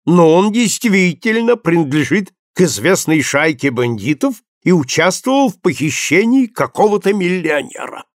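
A man reading the part of a self-important older gentleman who tells gossip in a lecturing way. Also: high voice, sing-song, moderate pace, few pauses, no echo, clean studio sound, voice pushed up. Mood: pompous. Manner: pompous, lecturing.

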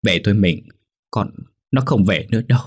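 A man voicing a grieving father who gently coaxes his wife to come home. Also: on the low side, moderate pace, husky. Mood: tearful coaxing. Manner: soft, tearful coaxing.

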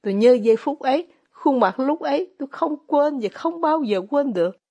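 A woman reading as a poor, bitter older male ex-officer with quiet irony, in an audiobook. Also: high-pitched, animated, normal speed, pitched above the performer's own voice. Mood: bitter, ironic.

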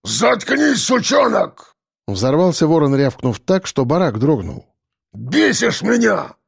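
A surly, short-tempered tough guy, as a male storyteller plays him, speaking in a curt growl with a gravelly rasp. The recording is dry and close, like a studio audiobook. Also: a little high, expressive, normal speed, a little mellow, no echo, full character voice. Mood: barking.

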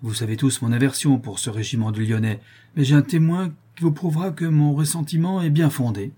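A man voicing an angry, commanding deputy mayor under forty who speaks forcefully and indignantly. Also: mid-range voice, fairly quick, slightly rough, pitched above the performer's own voice, close to an everyday voice. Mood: indignant, loud.

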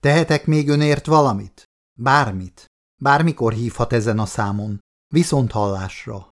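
Formal, measured police officer breaking hard news, read by a male narrator. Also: medium pitch, natural voice. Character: middle-aged male police lieutenant colonel, formal and solemn. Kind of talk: audiobook character voice.

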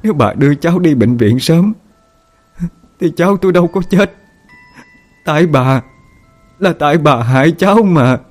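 A man's voice: on the high side, animated, moderate pace, long pauses, faint music behind, pitched above the performer's own voice. A man voicing a weeping grandmother over 60 who blames herself. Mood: tearful guilt. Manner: lamenting, self-blaming. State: crying. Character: weeping old grandmother full of guilt.

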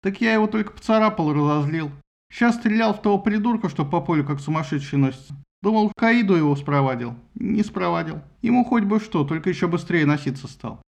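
A man's voice: sits high, lively intonation, brisk, vocal fry. A man voicing a spoiled, whining young archer complaining about his luck. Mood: whiny. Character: whiny young male archer, spoiled and sulky.

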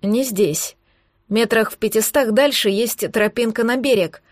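A woman's voice: a little high, unhurried, no room sound, studio quality. A woman voicing a stern, tense young man who gives short, clipped commands. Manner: terse, clipped orders.

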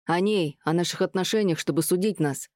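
A woman voicing a middle-aged father who speaks gruffly and harshly to his son, close to her own low voice. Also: brisk, a little mellow, no echo, natural voice. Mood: angry. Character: middle-aged surgeon father, angry then remorseful.

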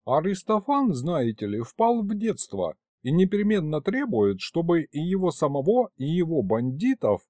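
A man's voice: a little high, very animated, moderate pace, hardly any pauses, darkish tone, no echo, clean studio sound, voice pushed up. Vitaramus, a man doing a prissy fussy imp. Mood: huffy. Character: prim fussy imp keeper of magic items.

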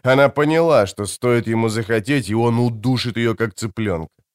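A man narrating an audiobook in an expressive storytelling manner. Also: mid-range voice, moderate pace, clear, resonant tone, no room sound, studio quality. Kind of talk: scripted narration.

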